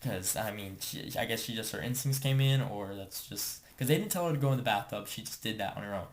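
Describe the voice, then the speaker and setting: A man's voice: on the low side, fairly quick. A young man casually telling a story to the camera, rambling and filling his talk with "like.". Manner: rambling, filler-heavy with constant "like".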